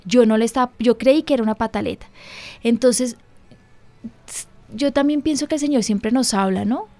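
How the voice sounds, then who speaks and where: A woman's voice: on the high side, moderate pace, warm tone, dry recording. A woman pastor hosting a radio program, giving emphatic, earnest parenting advice in a conversational way. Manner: earnest, emphatic, acts out dialogue with her child.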